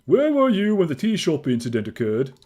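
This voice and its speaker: A man playing an earnest, naively inquisitive adventurer in a fantasy video game, with probing, deliberate delivery. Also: on the high side, huge pitch swings, darkish tone. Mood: curious.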